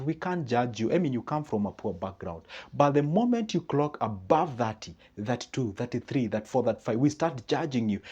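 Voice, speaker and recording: A man's voice: mid-range voice, slightly rough. A man with a Kenyan accent giving a motivational talk, asking the audience questions and acting out what friends would say. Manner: animated, rhetorical questions, acts out friends' replies. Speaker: motivational speaker. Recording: dull lo-fi recording.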